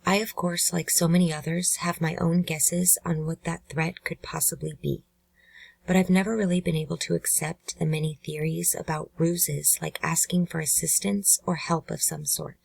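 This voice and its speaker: A woman hosting a true crime channel, giving measured, earnest scripted narration. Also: low-pitched, level tone, vocal fry, husky, no echo, poor audio.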